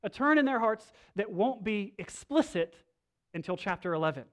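Animated Bible teacher asking rhetorical questions. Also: mid-range voice, moderate pace. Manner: swings between loud emphasis and quiet asides. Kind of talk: Bible study lesson.

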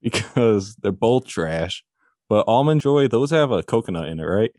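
A man's voice: fairly low pitch, lively intonation, normal speed, darkish tone, no echo, clean studio sound. A man chatting on a casual podcast in an offhand, jokey, laid-back way.

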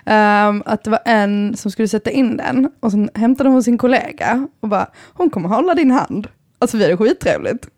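A woman's voice: mid-range voice, hardly any pauses, a little mellow, no echo, studio quality. A woman in casual chat, playful and teasing.

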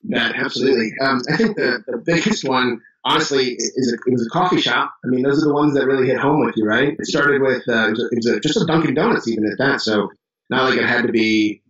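A man from Chicago with a Chicago accent, a business owner telling stories as a guest in a casual interview, animated and full of restarts. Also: medium pitch, fast, roomy sound, far from the mic, dull audio. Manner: animated storyteller, many restarts and fillers.

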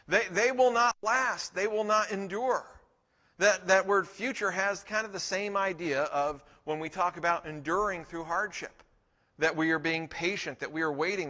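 Bright-voiced preacher in a reverberant hall. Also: male voice, sits high. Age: middle-aged. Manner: conversational preaching with frequent restarts. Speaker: pastor. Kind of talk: sermon.

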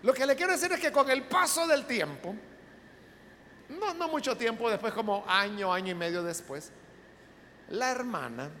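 A man's voice: sits high, a bit bright. A man preaches, telling a personal story in a loose, conversational way full of asides. His voice carries a long reverb from a large church hall, with a faint background noise underneath. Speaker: pastor. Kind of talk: sermon testimony storytelling.

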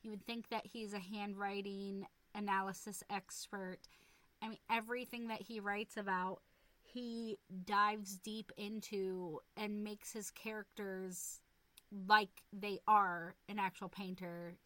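A young woman co-hosting a podcast, chatting casually, blunt and animated, swearing freely as she tells stories. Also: medium pitch, slow pace, no echo. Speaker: podcast co-host. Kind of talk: casual chat.

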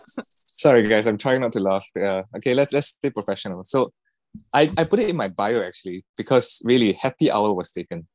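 A man answering podcast questions in a relaxed, halting way. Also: fairly low pitch, dry recording. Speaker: podcast guest, watch collector. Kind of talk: casual interview answers.

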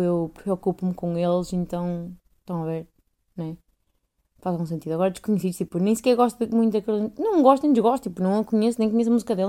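A woman in her twenties with a European Portuguese accent hosts a solo podcast, delivering a casual, rambling monologue. Her medium-pitched voice is mellow, and she's self-deprecating, leaning heavily on fillers.

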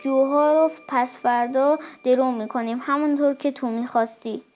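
Woman narrator voicing a weary older village brother, high-pitched, reasoning, worn thin by arguing, storybook reading. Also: steady tone, darkish tone, soft background music, close to an everyday voice. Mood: yielding. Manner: reasoning, exasperated. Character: patient older village man, easily exasperated.

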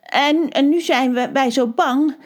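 Storybook role: woman voicing a timid young daughter, higher than her own voice, careful and hesitant. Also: a little slow. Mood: nervous. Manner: hesitant, cautious.

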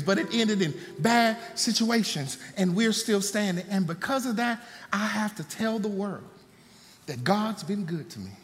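A man's voice: high voice, a bit bright. A man preaching a sermon, mixing fervent preaching with folksy asides to the congregation. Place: church sanctuary. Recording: long hall reverb, faint music.

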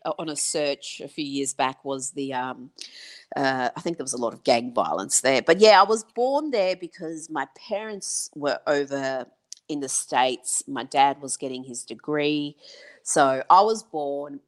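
Low-voiced chatty woman guest. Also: a little slow. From Iran. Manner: chatty, laughs often. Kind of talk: casual conversation.

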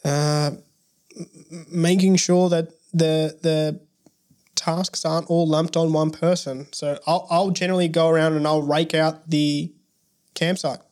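A young adult early childhood educator chatting as a podcast guest. The voice sits at a middling pitch and often stops to restart a thought. Now and then a dry joke lightens the talk. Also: level tone, a little slow, a little mellow. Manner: hesitant, with many restarts and wry jokes. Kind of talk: casual podcast conversation.

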